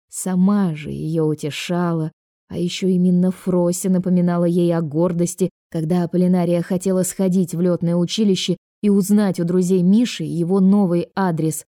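A woman narrating an audiobook in a calm, measured storytelling voice. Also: lowish voice, no echo, studio quality. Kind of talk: audiobook reading.

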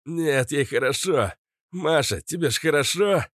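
A man's voice: fairly low pitch, normal speed, no echo, clean studio sound, voice pushed up, natural voice. A man voicing an eager, servile young male henchman in an audiobook, fawning and keen. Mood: excited.

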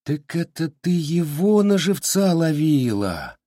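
A man's voice: a little high, very animated, takes it slowly, warm tone, no echo, clean studio sound, voice pushed up. A man voicing a brash, sarcastic young male artist who speaks bluntly. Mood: scornful.

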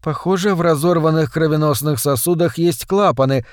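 A calm, observant woman states what she sees, read by a male narrator. The audiobook voice sits a little above average pitch, and the recording is close and dry. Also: brisk, no echo, natural voice.

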